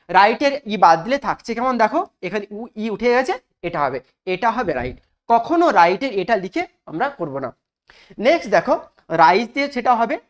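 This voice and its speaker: Lively, high-pitched woman teaching grammar. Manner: asks the class questions and repeats rules slowly for emphasis. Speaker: English teacher. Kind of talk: spoken grammar lesson.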